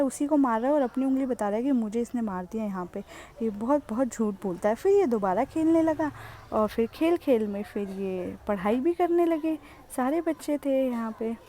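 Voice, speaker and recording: A young woman talks through her home vlog in a chatty, affectionate voice that sits a little high. Her tone is mellow and soft rather than bright, and she teases about the children as she tells it. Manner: chatty and fond, teasing about the kids. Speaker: vlogger. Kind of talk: casual vlog narration.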